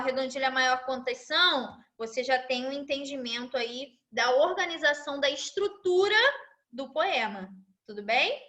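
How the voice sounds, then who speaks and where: A woman's voice: high-pitched, pushed and bright. A woman teacher, giving a chatty live class and checking in with tag questions.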